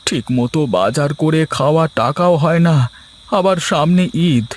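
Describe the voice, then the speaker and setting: A man voicing a poor, gentle village father in a cartoon, anxious and pleading. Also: a little high, moderate pace, close to an everyday voice. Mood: worried. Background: faint music.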